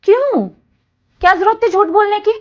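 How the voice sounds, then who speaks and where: Young married daughter, high voice, indignant and complaining, scripted family drama, slightly dull recording. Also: female voice, expressive, fairly quick. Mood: upset. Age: young adult.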